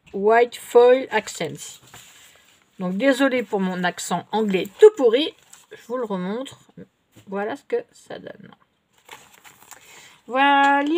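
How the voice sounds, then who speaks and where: A middle-aged woman doing a casual show-and-tell haul of craft supplies, chatty and unhurried, often pausing to correct herself. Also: on the high side, slight background noise. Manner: chatty and unhurried, many fillers and self-corrections. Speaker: vlogger showing craft purchases.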